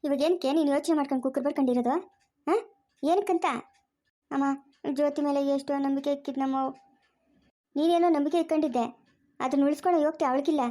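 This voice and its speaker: A woman playing a sharp-tongued grandmother who scolds her daughter-in-law, speaking rural Chikkaballapur Kannada. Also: sits high, natural voice. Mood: chiding. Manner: scolding, rapid and raised. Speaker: grandmother character. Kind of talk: family drama acting.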